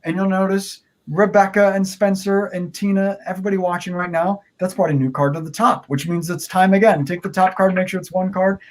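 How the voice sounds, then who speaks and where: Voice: medium pitch, fairly even intonation, brisk, hardly any pauses. A performer with playful kids-party magician patter, giving repeated step-by-step instructions to an online audience in an encouraging way. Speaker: magician leading a card trick.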